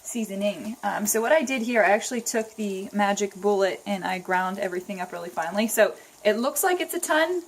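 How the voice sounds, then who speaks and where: A woman's voice: medium pitch, animated, fairly quick, hardly any pauses, rough recording. A woman giving a casual, chatty cooking demonstration, explaining each step as she goes. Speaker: home cook demonstrating a recipe. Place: home kitchen. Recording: sizzling pan noise behind the voice. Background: frying and stirring sounds.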